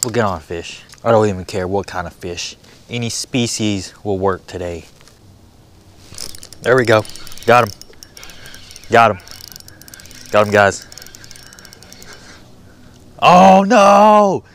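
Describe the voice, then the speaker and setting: A young man hosting a casual fishing vlog outdoors on a lake, talking in a hyped, slangy, excitable way into an action camera. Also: on the low side, slow pace, long pauses, a little hiss or hum. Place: outdoors on a lake, in a kayak and boat.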